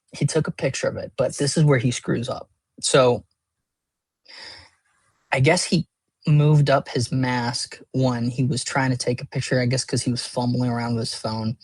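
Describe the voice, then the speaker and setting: Rambling husky storyteller. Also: medium pitch, steady tone, a little slow, pauses often, dry recording. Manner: rambling, filler-heavy, crude. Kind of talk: casual spoken storytelling.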